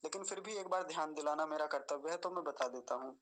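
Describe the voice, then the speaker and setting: A man patiently teaching mantra pronunciation, slowly repeating and drawing out each word. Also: a little high, a bit bright, poor audio. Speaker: Vedic recitation teacher. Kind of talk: pronunciation lesson.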